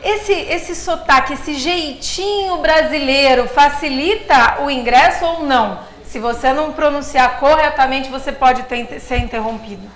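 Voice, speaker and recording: High-voiced woman hosting live TV. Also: unhurried, few pauses, echoey room. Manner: upbeat, asks questions, announces phone number. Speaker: TV journalist, host. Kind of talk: live TV studio interview. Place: TV studio.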